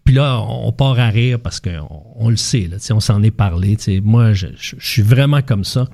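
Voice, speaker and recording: A man with a Québécois accent talks through relationship advice in a relaxed conversation. His tone is mellow and dark, and he keeps acting out little scenes to make his point, restarting his sentences as he goes. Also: lowish voice, moderate pace, vocal fry. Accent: Québécois French. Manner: explains with concrete examples and acted-out quotes. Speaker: guest relationship advisor. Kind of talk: casual explanatory chat.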